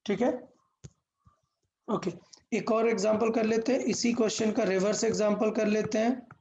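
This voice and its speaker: A woman's voice: medium pitch, steady tone, normal speed, dark tone, a little hiss or hum. A woman teaching a physics lesson step by step, asking questions and answering them herself, mixing English terms into Hindi.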